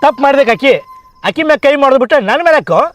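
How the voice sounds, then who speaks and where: A man playing a loud, defensive laborer friend in a village short film, with a North Karnataka Kannada accent, arguing heatedly. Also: high-pitched, very animated, a little fast. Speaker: husband's coworker friend. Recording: film soundtrack with background music.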